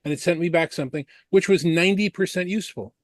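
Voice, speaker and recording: Measured man arguing his points. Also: high-pitched, dry recording. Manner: measured, argues point by point with frequent restarts. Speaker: industry analyst panelist. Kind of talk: panel debate.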